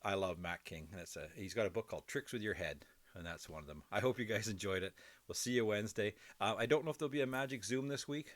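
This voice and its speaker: A man's voice: lowish voice, a bit bright, no echo. A man giving a casual, playful magic lesson, chatting straight to his students. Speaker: magic teacher.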